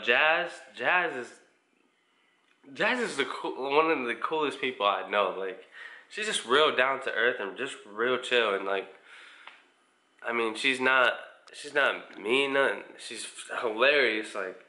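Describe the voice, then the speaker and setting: He has a sharp, mid-range voice. An American man of about twenty, mostly from Indiana, he's at home in a small living room, talking casually to camera and answering viewer questions in an easygoing, informal style.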